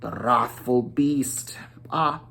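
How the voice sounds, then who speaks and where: Slow, theatrical storyteller with middling pitch. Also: vocal fry, a bit bright. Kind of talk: dramatic storybook reading.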